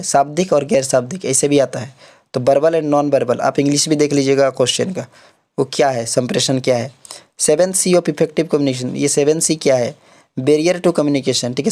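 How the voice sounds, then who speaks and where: A young man runs through an exam syllabus in a relaxed tutoring tone. His voice sits a little high, and he keeps checking in with his listeners as he explains each point, sliding English terms into his sentences. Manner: repeats "theek hai" often, mixes English terms into Hindi. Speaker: online exam-prep tutor. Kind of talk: casual explanatory lecture.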